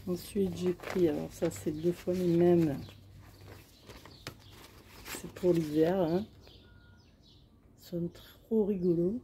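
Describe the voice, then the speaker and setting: A woman chats slowly through a crafting haul, pausing often to search for words. Her voice sits a little low and sounds very dark and mellow. A faint outdoor hum runs behind her phone recording. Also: steady tone. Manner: chatty, hesitant, many fillers. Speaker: crafting vlogger. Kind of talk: casual show-and-tell haul. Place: outdoors in sunshine.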